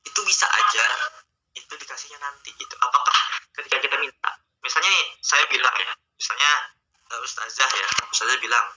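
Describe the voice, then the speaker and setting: A man's voice: mid-range voice, a little fast, bright, forceful tone. A male Islamic teacher giving a casual online religious talk, speaking conversationally and coaxing his listeners directly. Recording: dull lo-fi online stream audio.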